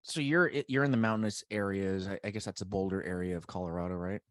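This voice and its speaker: A man's voice: deep voice, fast talker, dry recording. A man hosting a podcast in casual chat, laid-back and teasing in his banter. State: married. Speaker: podcast host.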